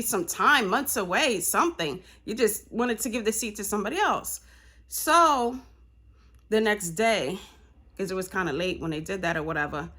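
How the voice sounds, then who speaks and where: Speaking at medium pitch, a woman addresses her viewers as a parent in a casual vlog, fired up and indignant, her heat building to outbursts while she repeats "you know what I'm saying." The music behind her is loud.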